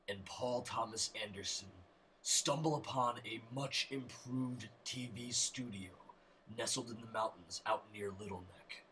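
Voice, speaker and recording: A male narrator with a lowish, bright voice reading a mock-dramatic story slowly. He sounds set back from the mic, with faint noise behind him. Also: recorded from a distance, poor audio.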